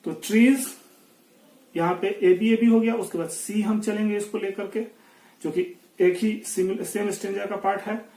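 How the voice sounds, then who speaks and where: A man with an Indian accent teaching poetry, explaining slowly and carefully in a lesson. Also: high voice, steady tone, mellow, echoey room, far from the mic, low-quality recording. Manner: slow explanatory, reads verse aloud slowly. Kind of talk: Hindi-English poetry lesson.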